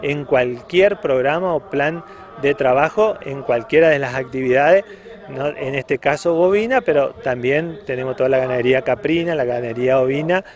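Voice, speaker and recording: A man's voice: mid-range voice, moderate pace, dull audio. A man in his forties with an Argentine accent, speaking as an official in a semi-formal news interview outdoors into a handheld microphone. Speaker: provincial livestock official being interviewed. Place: outdoors in a grassy parking area at a cattle auction ground. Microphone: handheld reporter's microphone at chest height.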